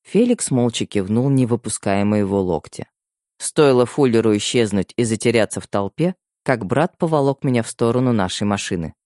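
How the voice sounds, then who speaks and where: A man narrating a novel in an expressive storytelling manner. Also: mid-range voice, normal speed, no echo, studio quality. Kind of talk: audiobook narration.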